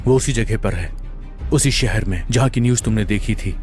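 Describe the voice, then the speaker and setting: A man dubbing a horror film role, playing an unstable, obsessive male killer who pleads softly and breaks into anguished cries. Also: fairly low pitch, normal speed, faint music behind, close to an everyday voice. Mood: brooding. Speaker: dubbing actor. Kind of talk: Hindi-dubbed horror film acting.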